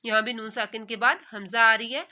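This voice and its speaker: A woman with a Pakistani Urdu accent teaching recitation, with a very bright, sharp tone and a slightly high voice. She chants each word slowly and stretched out, then rattles off the rule behind it in a quick explanatory voice. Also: fairly even intonation. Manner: recites words slowly and drawn out, then explains rules rapidly. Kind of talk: tajweed lesson, alternating slow recitation and quick explanation.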